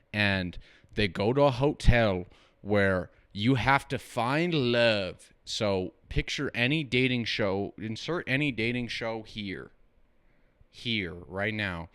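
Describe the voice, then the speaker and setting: A man getting drunker while he ranks films in a loose, comic ramble. His voice is clear and sits at an ordinary pitch, recorded close and dry. He halts and stumbles over his words as he goes. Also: fairly bright tone, dry recording. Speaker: film reviewer. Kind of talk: casual comic film tier-list commentary.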